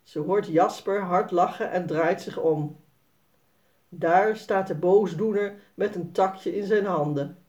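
A woman reading a children's story aloud in a slow, expressive way. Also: on the low side, muffled recording.

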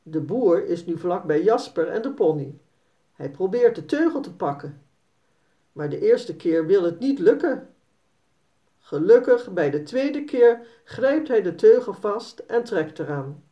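A woman reading a children's story aloud in a calm, gentle storytelling manner. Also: mid-range voice, measured pace. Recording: dull, slightly distant recording.

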